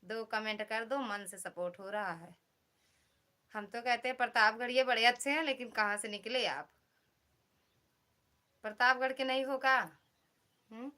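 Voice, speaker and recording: A woman's voice: a little high, moderate pace, sharp tone. A woman with an Awadhi-flavoured Hindi accent from Uttar Pradesh, hosting a casual live stream, teasing and thanking viewers by name on a phone mic at home. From Uttar Pradesh, India. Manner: teasing, chatty, reads out and thanks commenters.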